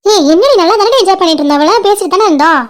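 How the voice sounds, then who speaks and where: A woman's voice: very high-pitched, lively intonation, rapid-fire. Woman doing a breezy, teasing cartoon girlfriend. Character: cheerful young woman in love, teasing friend. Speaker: friend on an outing. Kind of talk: animated cartoon voice acting.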